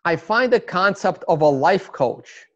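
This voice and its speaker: A native Russian speaker from Russia, with a Russian accent, rambles as a guest in a casual interview, full of fillers and restarts. His high voice has lively intonation, a measured pace, and a fairly bright tone. The recording is dry and slightly dull.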